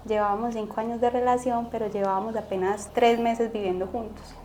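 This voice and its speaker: A woman's voice: on the high side, fairly even intonation, a little fast, a little mellow, slight background noise. A young woman from Colombia, a guest telling a personal story, vividly acting out the dialogue.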